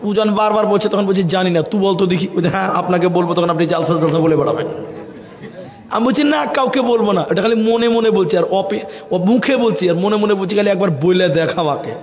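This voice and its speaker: A man from Assam preaching a live sermon with an Assamese Bengali accent. He tells lively anecdotes, acts out the people in them and chants Arabic verses in a sung tone. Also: high-pitched, brisk. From Assam, India. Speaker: Islamic preacher. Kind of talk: live open-air sermon. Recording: echoey public-address sound with long reverb.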